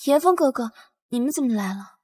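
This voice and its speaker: A woman's voice: high voice, expressive, a little fast, noisy background. A young woman playing a sweet-talking, scheming mistress in a drama. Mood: sugary. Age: young adult. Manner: sugary, ingratiating. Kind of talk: TV drama acting.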